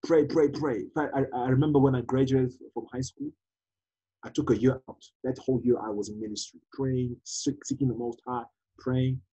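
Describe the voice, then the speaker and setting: Husky guy chatting casually, mellow dark voice, lots of uh and oh wow. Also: mid-range voice, normal speed, dull audio. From South Africa. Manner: animated, exclaims often, many fillers and restarts. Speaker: prophet guest. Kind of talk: casual conversation.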